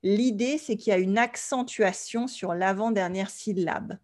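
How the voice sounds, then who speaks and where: A French woman leads an online language class. She explains things patiently and plainly, pausing to make sure her students are following along. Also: mid-range voice, darkish tone. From France. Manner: clear, patient explaining, often checks with "d'accord?". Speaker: French teacher.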